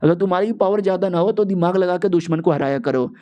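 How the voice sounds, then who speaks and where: A man's voice: sits high, fast talker, warm tone, highs cut off, close to an everyday voice. A man voicing a brash, joking young male hero from a comic recap, with slangy, swaggering banter. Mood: cocky banter.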